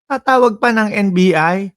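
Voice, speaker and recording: A Filipino man giving casual political commentary in an animated, mocking way. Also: high-pitched, normal speed. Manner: animated, mocking, shifts loud and soft.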